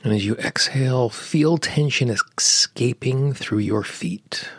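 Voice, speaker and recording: A male meditation guide with a gravelly, husky, slightly low voice leads a relaxation session, drawing out each phrase very slowly and softly with long pauses, sometimes dropping to a near whisper. His soothing delivery is captured in a dry, close recording.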